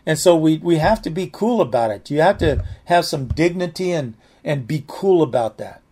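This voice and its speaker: A man's voice: on the high side, expressive, normal speed, darkish tone, breathy edge. A man in his late sixties, a pastor teaching a Bible passage in a loose, conversational way, often repeating himself and restarting his phrases. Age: 60s.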